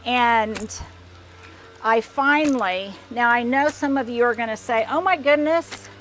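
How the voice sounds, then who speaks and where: A woman's voice: fairly high pitch, measured pace, fairly bright tone, a little hiss or hum. An older woman giving a casual tour of her backyard garden, chatty and a little out of breath, with frequent restarts as she talks outdoors. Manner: chatty, digressive, restarts often. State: slightly out of breath. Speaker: garden vlogger.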